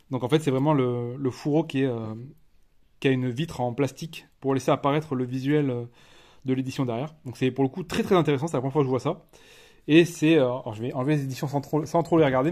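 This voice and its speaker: A French-accented man talks through an unboxing in a loose, casual way. He stops and restarts often and fills the gaps with hesitations. His voice sits at an ordinary middle pitch for a man. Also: a little mellow. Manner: chatty, hesitant, many fillers and restarts. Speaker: collector reviewing a disc edition.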